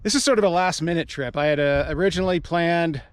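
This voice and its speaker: An American man hosting a casual outdoor vlog, speaking through a face mask in a halting, rambling way. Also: a little high, smooth. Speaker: outdoor video host. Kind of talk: casual vlog talk to camera. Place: outdoors at a mountain trailhead. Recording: noisy outdoor camera audio.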